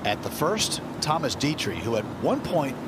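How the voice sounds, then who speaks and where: A man's voice: medium pitch, very animated, normal speed. A man giving live television golf commentary on the play. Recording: noisy outdoor broadcast, loud crowd ambience. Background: crowd and outdoor course noise.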